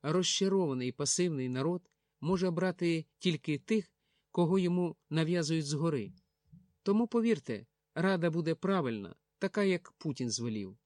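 A man's voice: a little high, lively intonation, moderate pace, darkish tone, dry recording, clean studio sound, close to an everyday voice. Give me a man playing a gloomy, grumbling old man who lectures sarcastically.

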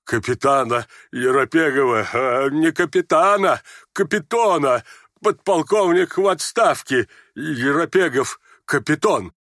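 A man reading aloud, voicing an old retired general who shouts, blusters and stammers. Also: medium pitch, sing-song, slow pace, hardly any pauses, no echo, clean studio sound. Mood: flustered. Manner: shouting, bellowing, stammering in confusion.

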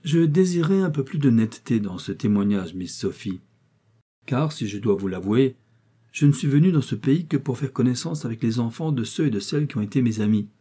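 A man reading the part of a strange rich older gentleman who questions gravely and courteously. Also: medium pitch, lively intonation, fairly quick. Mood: probing.

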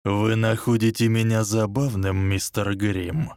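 A man voicing a cold, menacing dark lord who speaks low and slow. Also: little pitch movement, no room sound, clean studio sound, lightly acted. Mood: coldly menacing.

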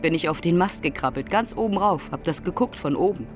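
An older man, once a seaman, recalls the sea in a spontaneous radio-feature reminiscence, his speech discursive, marvelling and full of vivid description. His voice is slightly high and expressive, fairly quick, with music playing beneath.

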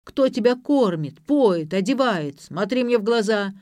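A woman doing a loud drunk bossy father. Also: on the low side, expressive, slow, no echo, clean studio sound. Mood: blustering. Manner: shouting, slurred bluster. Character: drunk middle-aged father, bossy and blustering.

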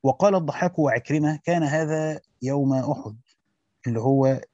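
Quick-reading Egyptian man teaching commentary. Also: a little high, mellow, dry recording, lo-fi sound. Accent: Egyptian Arabic. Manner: recites classical Arabic and breaks into colloquial explanations with hesitant fillers. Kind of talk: reading a classical text aloud with spoken asides.

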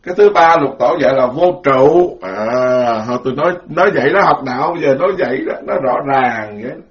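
A Buddhist monk with a Southern Vietnamese accent delivers a loose, folksy sermon. He teases and stacks words into emphatic lists, his voice sitting at an ordinary middle pitch. The recording is dull and lo-fi. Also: animated, fairly quick. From southern Vietnam, Mekong Delta. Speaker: Buddhist monk giving a dharma talk. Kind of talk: informal sermon.

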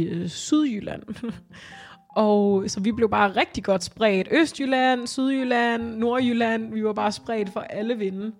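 A young adult woman telling her own story in a podcast interview, earnest and halting, with many fillers and restarts. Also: mid-range voice, a little mellow. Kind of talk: personal testimony in a podcast interview.

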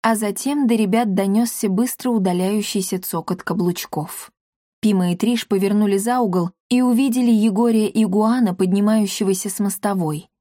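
A woman's voice: medium pitch, normal speed, warm tone, no room sound. Woman narrator, mid-range voice, dry close sound; storybook reading. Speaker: audiobook narrator. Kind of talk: scripted narration.

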